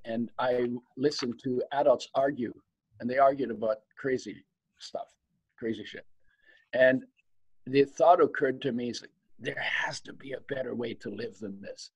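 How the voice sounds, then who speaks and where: On a video call from his book-lined study, a Polish-raised guest in his seventies who grew up speaking German at home reflects on his life, laughing between sentences. His voice is medium-pitched and slightly rough at a normal speed, with no echo but poor audio.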